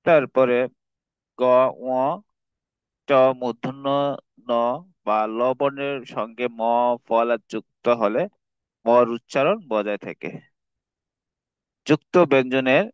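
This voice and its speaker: Man tutoring, repeating words slowly. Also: mid-range voice, clear, resonant tone, no room sound, highs cut off. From Bangladesh. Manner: reads rules then repeats example words slowly. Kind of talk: classroom grammar lesson.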